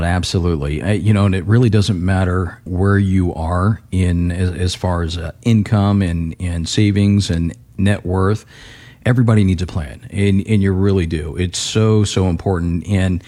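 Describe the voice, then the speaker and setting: A man with a very deep, mellow voice is interviewed as a financial advisor. He talks in a folksy, easygoing way, full of "you know" and restarts, and tells stories at length. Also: steady tone, moderate pace. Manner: folksy storyteller with filler words.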